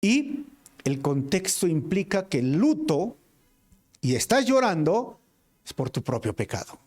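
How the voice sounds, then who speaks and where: A pastor preaching a sermon with a Peruvian Spanish accent, earnest, swinging between emphatic lines and hushed ones and calling the listeners brothers. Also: male voice, on the high side, huge pitch swings, unhurried. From Peru.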